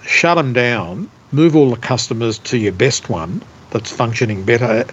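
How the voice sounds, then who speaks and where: Man, mid-pitched, opinionated, casual podcast chat, dull recording with faint noise. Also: normal speed, a bit bright. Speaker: podcast co-host.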